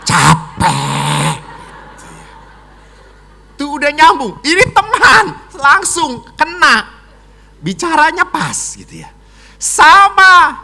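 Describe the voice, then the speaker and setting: Animated high-voiced priest preaching. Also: male voice, measured pace. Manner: animated, acts out quoted voices with shouts and laughs. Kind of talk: lively sermon.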